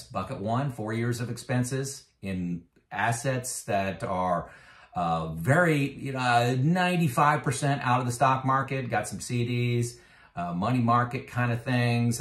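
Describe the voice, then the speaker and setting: This man in his fifties runs a retirement finance vlog, chatting to camera about his own finances in a conversational, filler-heavy way that turns emphatic as he drives points home. He speaks at medium pitch, a bit bright, in a reverberant space.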